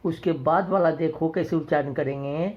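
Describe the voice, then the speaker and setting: A man teaching a recorded primary school lesson, deliberately saying each letter twice so young pupils can copy it. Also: fairly high pitch, fairly even intonation, a little mellow. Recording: dull lo-fi recording.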